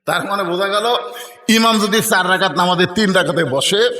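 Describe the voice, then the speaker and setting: A man's voice: high voice, normal speed, bright, forceful tone, long reverb tail. A man from Bangladesh, telling stories in a sermon and calling on the crowd to answer aloud. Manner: storytelling preacher who keeps calling on the crowd to answer aloud. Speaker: preacher. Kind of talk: sermon at an open-air religious gathering.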